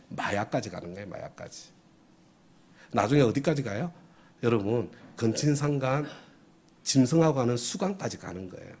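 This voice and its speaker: A male pastor delivers a sermon in a mellow, warm voice. His pitch swings widely as he quizzes the congregation and presses each point with emphasis. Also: husky. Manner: asks the congregation questions, emphatic.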